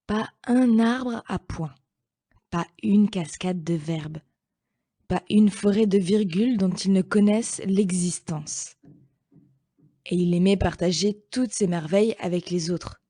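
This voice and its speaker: A woman reading a children's story aloud slowly and gently, with clear pacing. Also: lowish voice, dry recording, studio quality.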